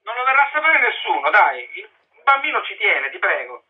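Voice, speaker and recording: A man's voice: high voice, big pitch swings, a little fast, narrow, tinny audio. A man in a radio comedy sketch, pleading and apologetic, speaking from off-mic.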